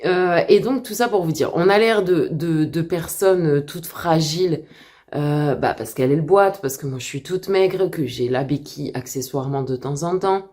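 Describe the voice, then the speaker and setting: A woman chatting casually to camera as a book vlogger at home, hesitant and full of filler pauses. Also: low-pitched, darkish tone.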